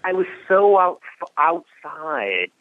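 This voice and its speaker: A Midwestern comedian from outside Chicago guests on a radio talk show, telling stories with animation and acting out the people he quotes in casual chat. His fairly high voice takes things slowly, with no room sound, though the audio is tinny and phone-like.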